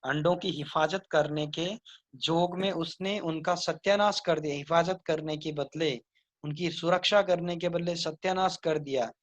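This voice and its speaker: A man's voice: fairly high pitch, fairly even intonation, measured pace, a bit bright. A male school teacher retelling and explaining a textbook story plainly to children.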